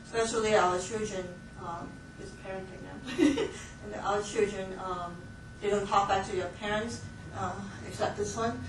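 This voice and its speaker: A woman's voice: mid-range voice, fairly even intonation, normal speed. Distant echoey woman lecturing a class. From Hong Kong. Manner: chatty, laughs often, many fillers and restarts. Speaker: missions training instructor. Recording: echoey room from far off, faint noise.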